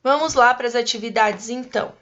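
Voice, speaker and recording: A Brazilian woman teacher reading a storybook aloud to young pupils and explaining it slowly and patiently. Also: fairly high pitch, a bit bright, highs cut off, a little hiss or hum. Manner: slow, patient, explaining to children. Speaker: primary school teacher.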